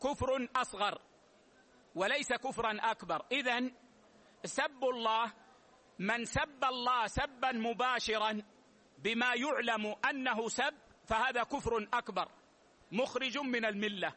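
A man, an Islamic scholar, giving a measured religious lesson and repeating key phrases slowly for his students. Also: extremely high pitch, pushed and bright. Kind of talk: religious lesson explaining rulings.

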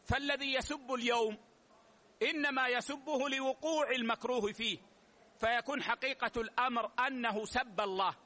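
A man, an Islamic scholar, giving a measured religious lesson and repeating key phrases slowly for his students. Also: very high-pitched, pushed and bright. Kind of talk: religious lesson explaining rulings.

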